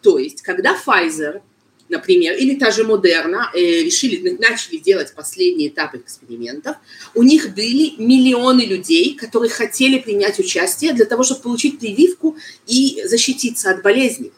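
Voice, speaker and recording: A woman's voice: medium pitch, lively intonation, poor audio. Woman, explaining stuff in an interview, keeps searching for words, bit of background noise. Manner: halting, searches for words, mixes in foreign terms. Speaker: medical expert guest being interviewed.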